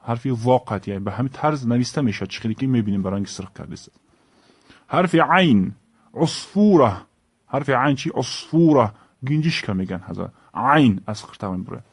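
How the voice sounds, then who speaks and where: Man slowly spelling out letters. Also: medium pitch, expressive, no echo. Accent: Tajik. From Tajikistan. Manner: slow, repeats each word, stresses letter names. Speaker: Arabic teacher. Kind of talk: alphabet lesson.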